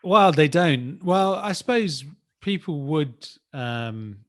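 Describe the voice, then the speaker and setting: A man's voice: a little high, lively intonation, slow, fairly bright tone. A man from the Birmingham area co-hosting a casual podcast, answering in a hesitant, thoughtful way. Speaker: podcast co-host. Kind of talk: casual chat.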